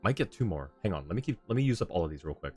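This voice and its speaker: This male game streamer has a low voice with big pitch swings, and he talks at a racing pace. He gives casual commentary in short muttered bursts and addresses chat while game music plays in the background.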